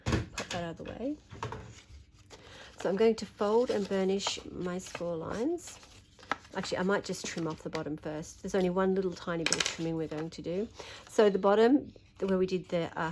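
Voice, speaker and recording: An Australian woman with a slightly croaky voice, talking through a papercraft tutorial while she folds and trims, chatty and thinking aloud. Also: lowish voice, moderate pace, background noise. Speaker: papercraft demonstrator. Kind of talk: craft tutorial narration.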